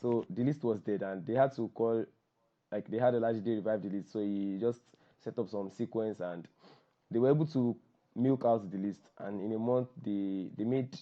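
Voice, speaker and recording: A Nigerian workshop host and copywriter, his voice on the low side and hoarse from shouting, leads an informal group call at a moderate pace. He jokes, pokes fun at himself and repeats himself for emphasis. The online call microphone gives dull, lo-fi group call audio.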